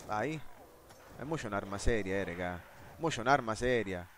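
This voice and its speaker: Young guy as a let's player, wildly animated, jokey, sudden high yelps, faint noise behind. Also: normal speed. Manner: jokey, talks to the game and viewers, bursts into high yelps. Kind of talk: excited gameplay commentary.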